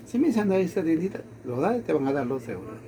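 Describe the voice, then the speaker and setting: A man's voice: a little high, rapid-fire, crowd noise. A man from Latin America casually telling a personal story, acting out the quoted dialogue. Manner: animated, acts out quoted dialogue. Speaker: storyteller in conversation.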